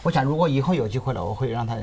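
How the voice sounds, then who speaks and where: A man's voice: medium pitch, lively intonation, racing, creaky, over a noisy crowd. A middle-aged man, a guest music teacher, explaining casually in an interview. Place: TV studio at a desk.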